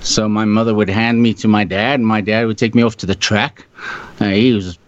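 A man in his sixties from Africa, telling his life story as an interview guest in a reflective, halting way. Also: fairly low pitch, steady tone, no echo. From South Africa. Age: 60s. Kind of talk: casual storytelling. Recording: dull lo-fi sound.

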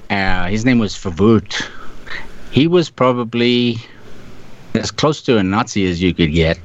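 A man in his sixties from Africa, telling his life story as an interview guest in a reflective, halting way. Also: lowish voice, a little hiss or hum. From South Africa. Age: 60s. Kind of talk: casual storytelling. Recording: dull lo-fi sound.

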